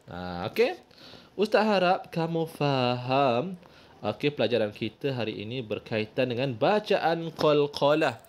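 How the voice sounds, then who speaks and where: A man with a Malaysian Malay accent teaching children Quran recitation, slowly demonstrating each example and patiently correcting mistakes. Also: mid-range voice. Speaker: religious teacher.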